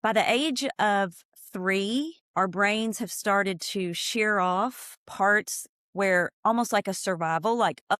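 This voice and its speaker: In this dry, studio-quality recording, a woman with a medium-pitched voice is interviewed conversationally. She's an East Tennessee ESL teacher who talks with earnest animation and becomes emphatic when driving a point home.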